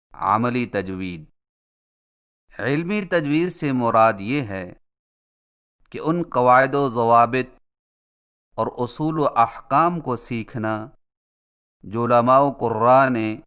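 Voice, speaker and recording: A man giving a formal, scripted lesson on Quran recitation, speaking in measured short phrases. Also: medium pitch, a bit bright, clean tone. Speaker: religious instructor.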